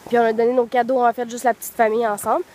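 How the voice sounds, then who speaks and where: Rapid-fire and level in tone, this fairly high, slightly mellow voice belongs to a young vlogger with a Quebec French accent. She is congested from the flu and a bit out of breath as she chats casually, with many fillers, while walking through snowy woods in deep cold.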